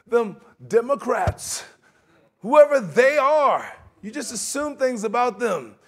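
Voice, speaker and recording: A man's voice: very high voice, sing-song, takes it slowly, fairly bright tone. A middle-aged man preaching a sermon in a large church sanctuary, talking in a conversational way and slipping into mocking voices for his examples.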